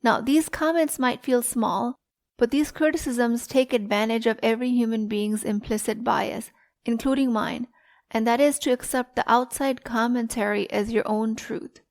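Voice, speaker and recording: Woman, life coach, calm measured podcast teaching, pitched a bit high. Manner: calm, deliberate, instructive.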